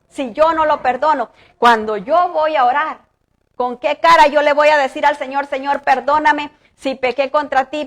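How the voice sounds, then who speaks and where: A woman pastor preaching a sermon in earnest, rising for emphasis and slowing down to read scripture aloud. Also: high voice, fairly bright tone. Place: church.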